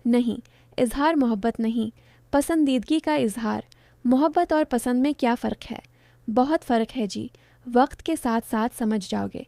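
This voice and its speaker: A woman's voice: fairly high pitch, creaky, warm tone, dry recording. A woman voicing the playful, teasing young friend of a fiancée in a narrated story.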